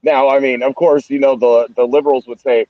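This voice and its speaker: A man co-hosting a casual podcast. He talks haltingly, with many fillers and a sardonic edge. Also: mid-range voice, little pitch movement, no echo, dull audio. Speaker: podcast co-host.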